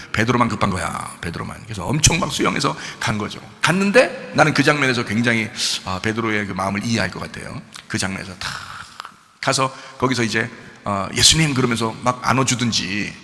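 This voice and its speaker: A man preaching from the pulpit, retelling a story with quick, lively delivery and a wide-ranging pitch. His voice is bright and forward. It rings with the long reverb of a church sanctuary. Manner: animated storytelling, switching between plain speech and polite address. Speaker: pastor. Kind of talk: sermon.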